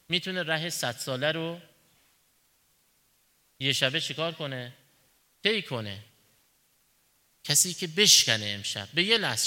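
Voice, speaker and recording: Bright-voiced male preacher in a reverberant hall. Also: a little high. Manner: poses rhetorical questions and answers them himself; tells illustrative stories in everyday speech. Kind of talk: sermon.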